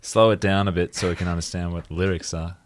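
Very deep-voiced laid-back radio co-host. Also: male voice, steady tone, fast, no room sound. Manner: laid-back, explains the game rules. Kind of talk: casual studio radio banter. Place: radio studio.

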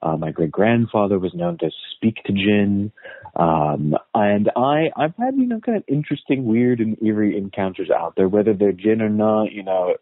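An American guest historian with a low-ish voice speaks animatedly at normal speed in a casual interview. He tells stories thoughtfully but restarts often, with frequent "uh"s and repeated words, over a dry, tinny phone-like line.

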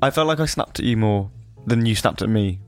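A man's voice: on the low side, animated, clear, resonant tone, soft background music. A man, a guest on a podcast, joking back and forth with the host. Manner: fast, joking banter. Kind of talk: casual podcast chat.

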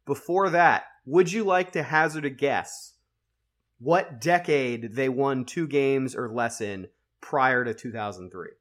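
A man co-hosting a casual sports betting podcast, rambling and animated, with plenty of likes and restarts. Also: medium pitch, takes it slowly. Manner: rambling and animated, heavy on fillers. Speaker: podcast co-host and betting analyst.

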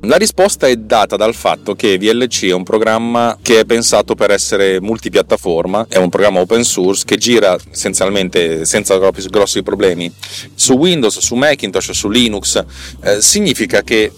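A fairly low-voiced man explains technical matters in the style of a podcast host, with slight background noise in the recording. His talk is casual and colloquial, broken up by frequent mid-sentence self-corrections, and he seems self-deprecating and rough around the edges.

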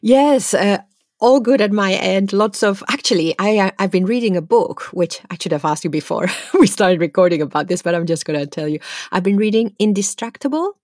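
A woman's voice: medium pitch, lively intonation, fairly quick, a little mellow, no room sound, clean studio sound. A woman chatting casually as the co-host of a podcast.

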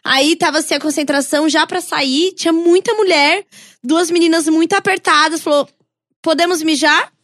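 A woman's voice: extremely high pitch, fairly even intonation, moderate pace, fairly bright tone, dry recording, clean studio sound. A young adult woman co-hosting a podcast, chatty and enthusiastic, cheering on her friend. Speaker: podcast co-host. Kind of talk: casual chat among friends.

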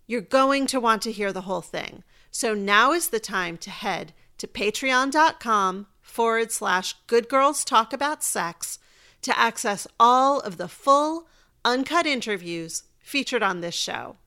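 A woman's voice: a little high, expressive, unhurried, bright, forceful tone. A woman hosting a podcast, giving scripted introductions and asking interview questions. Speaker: podcast host, intimacy coach.

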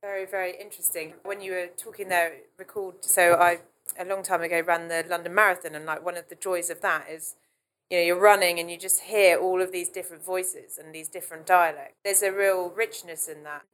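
A woman's voice: on the low side, fairly even intonation, a little fast, a bit bright. A woman hosting a podcast interview, asking chatty questions with hedging fillers like "sort of". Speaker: podcast host.

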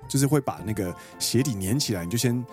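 A Taiwanese man in his thirties with a Taiwanese Mandarin accent, co-hosting a podcast and telling an animated story in casual chat. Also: medium pitch, fast talker, soft background music. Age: 30s. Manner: animated, quotes people and acts out dialogue. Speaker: podcast co-host.

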